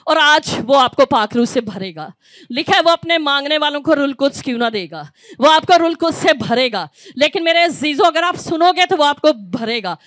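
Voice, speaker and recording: A woman's voice: high-pitched, animated, moderate pace, a bit bright, no echo. A woman preacher from Pakistan, leading a fervent revival sermon that repeats phrases over and over and breaks into chanting in tongues.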